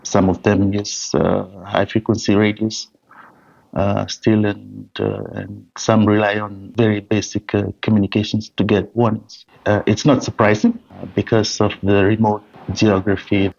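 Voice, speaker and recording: A man from Fiji, appearing as a humanitarian guest, speaks in a remote video-call interview, hesitating and often starting his sentences over. His voice is lowish, gravelly, and a little mellow, with a flat, unhurried delivery, and the call audio is dull and lo-fi.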